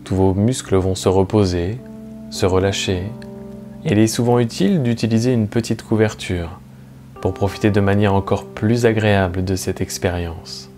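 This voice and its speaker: A man with a low, steady voice narrates a guided relaxation meditation, speaking slowly and soothingly with long, measured pauses between phrases. Soft plucked guitar music plays faintly underneath.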